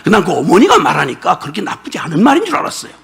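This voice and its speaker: An older man preaching a sermon as a pastor, telling his testimony emotionally with bursts of shouting and laughter. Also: high voice, wildly swooping pitch, very fast, gravelly. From South Korea.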